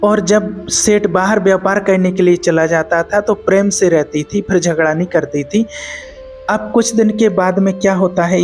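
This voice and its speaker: A man giving a spiritual discourse, telling a moral story in a measured, repetitive way. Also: a little high. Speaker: spiritual preacher.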